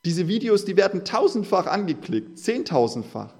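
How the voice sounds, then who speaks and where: A male preacher talking to his congregation in an earnest, conversational sermon. His voice sits a little higher than most men's. When he reads scripture he slows right down and leans on the words. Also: sing-song, darkish tone.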